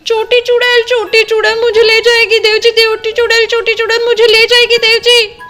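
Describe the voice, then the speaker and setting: Brief: fearful young housewife played by a woman, very high bright voice, cries out for help. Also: expressive, measured pace, soft background music. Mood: shaken. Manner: anxious, shrill when scared. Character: timid young wife who fears the witch. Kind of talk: doll-play storytelling.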